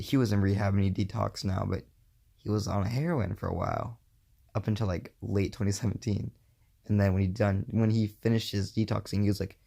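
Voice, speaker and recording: A man's voice: lowish voice, vocal fry, warm tone. A young man hosting a casual solo podcast, rambling and correcting himself with lots of fillers. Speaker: podcast host.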